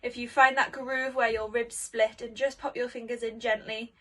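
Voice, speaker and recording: A woman singing teacher giving spoken warm-up instructions, explaining simply and encouragingly, step by step, as if for children. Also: a little high, level tone, normal speed.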